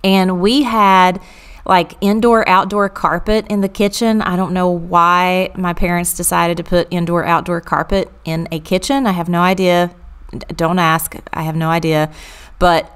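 A woman's voice: fairly low pitch, flat delivery, measured pace, a bit bright, clear, resonant tone. A woman, chatting through a clean-with-me voice-over and telling stories from her childhood. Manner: chatty, storytelling, amused. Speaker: vlogger.

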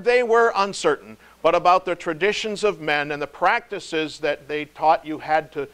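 A male pastor giving a devotional sermon, emphatic, slowing to stress key words and dropping low and soft. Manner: emphatic, slow stress on key words, wide swings in loudness.

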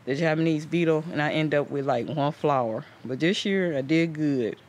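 Here the home gardening host, a man whose voice runs somewhat high, moves at a moderate pace through a rambling, conversational tour of his garden. He recorded it outdoors on a handheld camera, and its mic captures the surrounding ambient noise.

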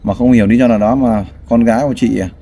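A man's voice: medium pitch, steady tone, racing, dark tone, soft background music. A man hosting a street interview, prompting and sympathetic, often sighing. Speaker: host interviewing a family. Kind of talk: street interview, casual and caring.

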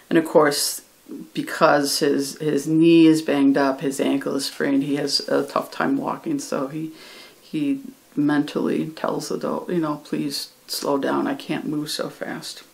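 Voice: medium pitch, flat delivery, slow, gravelly. An English-reading teacher casually retelling a book chapter in a loose, conversational way, often restarting phrases and acting out what the characters say. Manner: loose and conversational, with frequent restarts and acted quotes.

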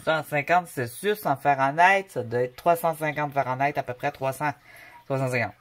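Her voice is low and moves at a moderate pace. She's a craft vlogger from Canada with a Québécois French accent, reading a paint label aloud and joking around in a casual product review filmed at home, where a pet bird keeps making noise.

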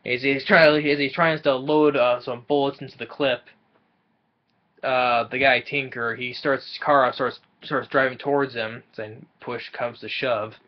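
A man's voice: medium pitch, fairly even intonation, measured pace, lo-fi sound. A young man casually recapping a film's plot from a small room, often stumbling and repeating words as he goes. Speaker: movie reviewer.

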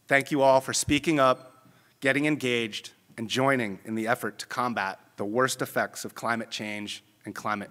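A middle-aged man at a conference podium, giving prepared welcome remarks in a measured, formal way. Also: mid-range voice, fairly bright tone. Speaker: conference host. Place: large conference ballroom. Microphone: podium microphone. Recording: long hall reverb.

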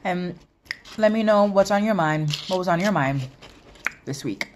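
A woman's voice: on the low side, measured pace, a little hiss or hum. A woman vlogger chatting casually to viewers while eating, humming between bites. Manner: chats between bites with eating sounds and hums. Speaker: mukbang vlogger.

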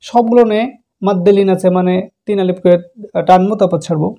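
Man, recitation teacher, warm mellow voice, patient, step-by-step explanations, repeats sounds slowly. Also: high-pitched, steady tone.

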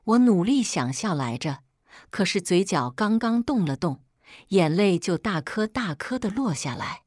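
A woman narrating a first-person drama story in an emotional, expressive way. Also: mid-range voice, measured pace, no room sound, studio quality. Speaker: audiobook narrator.

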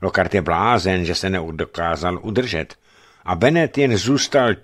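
A man narrating a novel in an expressive literary reading for radio. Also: sits low. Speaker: radio reader. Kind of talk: scripted audiobook narration.

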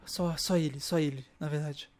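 A man's voice: fairly high pitch, fairly even intonation, normal speed, darkish tone. A man with a Brazilian accent chatting casually through a roleplay game, jumpy and full of anxious exclamations. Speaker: youtuber playing a roleplay game. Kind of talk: casual roleplay gameplay chat.

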